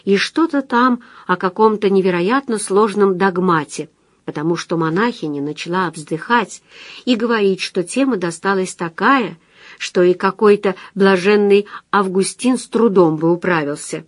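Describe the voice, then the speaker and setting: A woman reading a novel aloud with calm, steady storytelling. Her voice sits in an ordinary middle pitch, recorded close and dry with no room sound. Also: moderate pace, no room sound. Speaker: audiobook narrator. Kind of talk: scripted literary narration.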